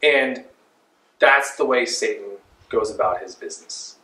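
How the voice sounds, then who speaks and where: In a small church, a pastor in his forties preaches from the pulpit at a measured pace, his mid-range voice loose and conversational as he gestures animatedly with his hands. The far camera mic leaves a roomy church echo.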